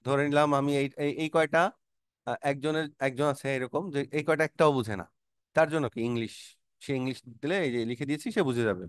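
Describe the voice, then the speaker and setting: A man's voice: mid-range voice, fast, smooth, no echo, studio quality. A man teaching a vocabulary lesson, calling out word lists with emphatic stress and explaining them patiently to students.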